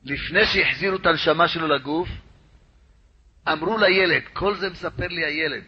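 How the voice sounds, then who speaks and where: A man's voice: on the high side, slightly rough. Man, rabbi, dramatic repetitive sermon storytelling, dull lo-fi radio recording.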